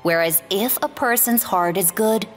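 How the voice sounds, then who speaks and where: A woman narrating a children's fairy tale in a gentle, expressive read-aloud manner. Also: medium pitch, a little slow, long reverb tail, faint music behind. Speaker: storyteller.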